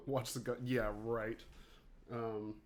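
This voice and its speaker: A man's voice: medium pitch, expressive, drawn-out words, slight background noise. A man who teaches music, chatting casually on a livestream and joking with his students. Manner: chatty, joking, talks to viewers by name. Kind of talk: casual livestream office hours.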